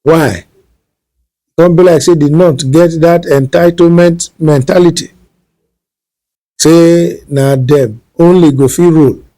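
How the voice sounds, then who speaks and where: A male news presenter with a Nigerian accent delivers his report in Nigerian Pidgin. His voice sits a little higher than average for a man, and he takes his time over each phrase. The sound is very dry, with no room around it. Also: steady tone, measured pace, long pauses, warm tone, no echo, poor audio.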